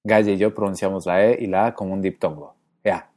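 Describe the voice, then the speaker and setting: A man teaching pronunciation in a clear, methodical way, slowing down to demonstrate sounds. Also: low voice, fairly even intonation, darkish tone. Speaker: Spanish phonetics teacher. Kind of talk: explanatory lesson narration.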